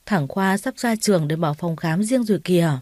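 A woman's voice: fairly low pitch, expressive, moderate pace, a little mellow, dry recording, studio quality, close to an everyday voice. A woman voicing a spiteful, grieving older mother-in-law who wails and screeches accusations. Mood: wailing.

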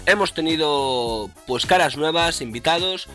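Hoarse whiskey-voiced Spanish man hosting, bright delivery. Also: a little high, expressive, unhurried, faint music behind. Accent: Spain. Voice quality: hoarse, rough boozy whiskey voice. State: hoarse after holiday partying and drinking. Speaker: podcast host. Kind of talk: casual video game podcast hosting.

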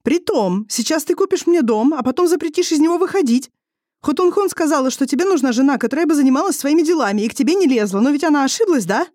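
Reader playing a young woman, crying, high voice, trembling but loud, defiant, dry close sound, audiobook. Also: expressive, quick pace, no room sound. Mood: tearful defiant. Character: young tearful stubborn woman, student wife.

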